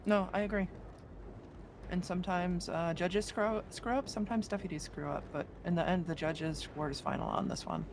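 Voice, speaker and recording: Gravelly-voiced woman giving calm orders. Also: lowish voice, normal speed, noisy background. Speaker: roleplayer as a lawman escorting prisoners. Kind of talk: in-character western roleplay chat.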